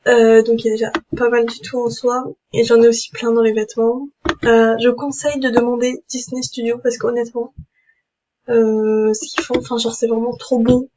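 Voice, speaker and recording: A young woman talks through her game account in a loose, chatty way, stopping for fillers and restarting her sentences. Her voice sits a little high. The recording is dull and lo-fi. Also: little pitch movement, moderate pace, dark tone, a little hiss or hum. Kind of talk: casual gameplay commentary.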